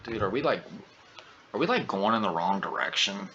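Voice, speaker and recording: A man gives jokey, exclamatory commentary over a flight simulator game. His voice is bright and swings widely in pitch. He talks into a headset mic, and the dull lo-fi audio carries a faint ambience. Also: very animated, normal speed, a little hiss or hum. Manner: playful, joking, exclamatory. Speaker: gaming channel host. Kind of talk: casual VR flight sim commentary.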